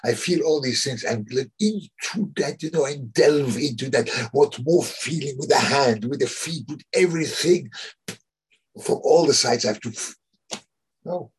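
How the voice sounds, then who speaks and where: Guy teaching torah casually, very husky voice, stops and restarts a lot. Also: lowish voice, a little mellow. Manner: halting, searches for words, many restarts. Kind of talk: informal Torah talk.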